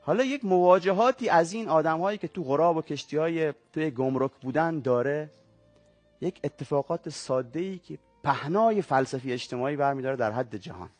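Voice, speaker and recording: Reflective man, fairly high voice. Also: dry recording, faint music behind. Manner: reflective, measured literary talk. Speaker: guest. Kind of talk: talk show interview and reading aloud.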